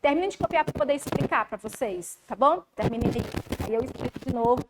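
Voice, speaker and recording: A high-pitched woman with a Brazilian Portuguese accent teaches a live law class, lively and chatty, talking straight to her students. The recording carries clear background noise from the classroom. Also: a little fast.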